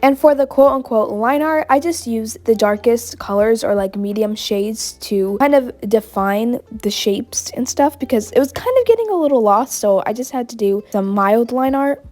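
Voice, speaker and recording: A woman's voice: a little high, lively intonation, normal speed, few pauses, a little mellow, soft background music. Bubbly woman with a cold narrating art. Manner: bubbly and gushing. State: has a cold. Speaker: art vlogger. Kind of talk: casual voice-over narration of a drawing.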